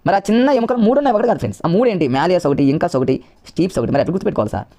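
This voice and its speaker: A man's voice: high-pitched, big pitch swings, rapid-fire, mellow. A man coaching exam candidates, explaining memory tricks in a repetitive, coaxing way and often calling his viewers friends. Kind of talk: rapid classroom-style explanation.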